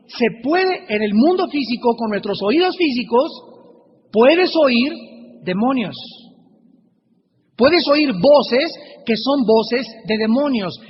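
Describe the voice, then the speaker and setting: Male preacher, very high voice, deliberate teaching cadence with repetition; dull lo-fi hall recording. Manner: deliberate, repeats key phrases and slowly sounds out Greek terms. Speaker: preacher teaching a Bible study. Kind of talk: Bible lecture sermon. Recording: dull lo-fi recording in a reverberant hall with faint hiss.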